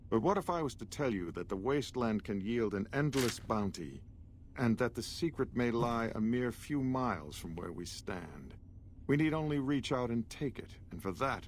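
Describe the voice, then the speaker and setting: Male actor as condescending game scientist, lowish voice, pompous formal diction, faint noise behind. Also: lightly acted. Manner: condescending, talks down to the listener. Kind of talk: video game character dialogue. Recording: noisy game audio with background ambience.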